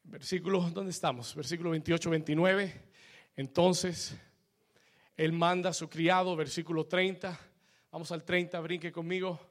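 A male pastor preaching a fervent sermon, swelling to shouts and calling the congregation for amens. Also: fairly high pitch, fairly even intonation, normal speed.

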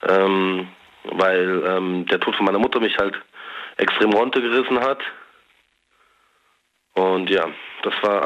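A young man from Germany calling into a radio show over a home phone line, speaking in a halting, hesitant way. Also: on the low side, a bit bright. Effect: heard over a home phone line. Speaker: radio caller.

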